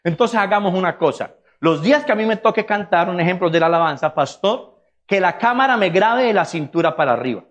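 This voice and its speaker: A man preaching a sermon as pastor, emphatic and lively, often mimicking people's excuses. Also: sits high, brisk. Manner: emphatic, acts out congregants' excuses in funny voices. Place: church sanctuary.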